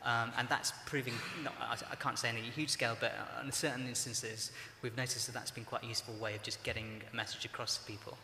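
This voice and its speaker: A man speaking on a conference panel, explaining at length in a measured way with many fillers. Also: medium pitch, level tone, sharp tone. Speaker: panelist from a broadcaster's social news team. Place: conference hall, live panel. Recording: echoey hall with faint noise.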